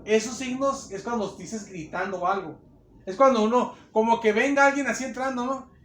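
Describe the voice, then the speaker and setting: Recorded in an echoing church hall with a slight hiss or hum, this man preaches Bible teaching in a very high, fairly bright voice at normal speed. He's emphatic, acts out the quotes he cites, and frequently starts over.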